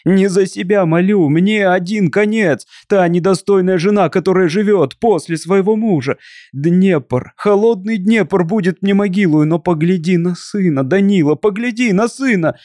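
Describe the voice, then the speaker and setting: A man's voice: lively intonation, normal speed, few pauses, a little mellow, dry recording, studio quality. A man voicing a desperate young Cossack wife, pleading in a raised, impassioned voice. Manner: impassioned, pleading, high-pitched.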